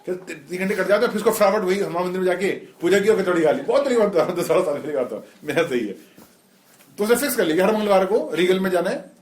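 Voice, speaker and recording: A man's voice: high voice, lively intonation, quick pace. A middle-aged man teaching a class informally, explaining terms and asking the students questions. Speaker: spiritual teacher. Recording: echoey room.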